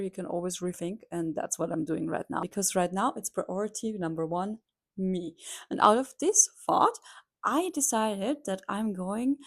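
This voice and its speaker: A woman's voice: medium pitch, no echo. Woman, 20s, from Austria, candid chatty vlogger, dry close mic. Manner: chatty and candid, with non-native phrasing. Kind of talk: casual vlog narration.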